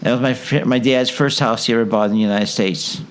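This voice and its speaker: A man hosting a relaxed talk show, with a voice of middling pitch. He rambles and jokes, trailing off mid-sentence and starting over. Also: a little fast. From Chicago. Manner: rambling, jokey, trails off and restarts. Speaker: show host. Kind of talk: casual chat.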